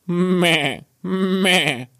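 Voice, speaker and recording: A man's voice: extremely slow, pushed and bright, no echo, studio quality, exaggerated voice. Man doing a spiteful bleating goat. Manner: bleating, high-pitched.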